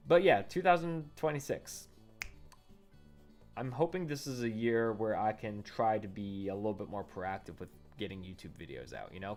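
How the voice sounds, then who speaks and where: This man, a YouTuber in his late twenties, has a fairly low voice with a darkish tone. Speaking casually into a condenser studio mic for his vlog, he rambles, corrects himself and leans heavily on fillers.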